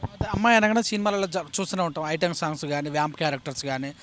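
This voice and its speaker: A man's voice: on the high side, steady tone, fairly bright tone, a little hiss or hum. A man asking an actress a string of interview questions. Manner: rapid-fire questioning.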